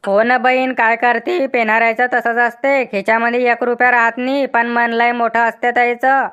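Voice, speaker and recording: A woman's voice: fairly high pitch, moderate pace, clean tone, highs cut off, natural voice. A woman voicing gossipy village women, Vidarbha accent. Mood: lamenting. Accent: Vidarbha Marathi. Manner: lively, lamenting, chatty. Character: gossipy middle-aged rural village women. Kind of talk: cartoon comedy voice acting.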